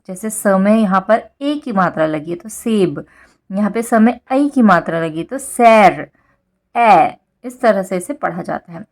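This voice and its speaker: A woman walks parents through a school syllabus in a patient teaching manner. She mixes English terms into her explanation. She draws out example words slowly and clearly. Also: medium pitch.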